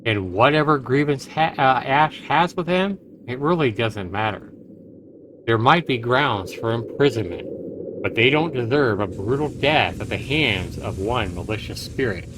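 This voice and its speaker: On a livestream, a man reads game text aloud in the style of a dramatic storyteller, dropping in casual asides. His voice is medium-pitched and animated, and he keeps a measured pace. The stream's background noise comes through clearly.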